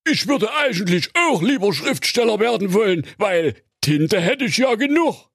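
A man's voice: sits high, sing-song, moderate pace, vocal fry, a bit bright, husky, dry recording, clean studio sound, exaggerated voice. A man voicing a cheeky, sarcastic male octopus in a comedic radio play.

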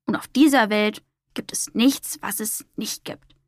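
A woman voicing a wise, calm male whale in a storybook reading, talking softly and with assurance. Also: fairly high pitch, a little slow, no room sound, clean studio sound, lightly acted.

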